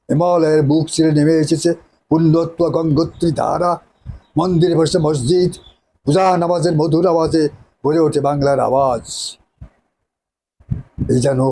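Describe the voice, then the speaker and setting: Hammy, anguished folk-theatre hero. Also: male voice, fairly high pitch, gravelly, dark tone, a little hiss or hum, low-quality recording. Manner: hammy, declamatory stage acting with drawn-out words. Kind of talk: 1980s Bengali jatra folk-theatre monologue.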